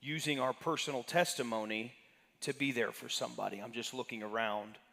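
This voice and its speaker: A man's voice: medium pitch, fairly even intonation, a little fast, creaky, bright, forceful tone. A man pastor leading an interactive Sunday class, talking conversationally and calling on members of the congregation by name. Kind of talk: interactive church teaching. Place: church sanctuary. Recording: reverberant sanctuary hall.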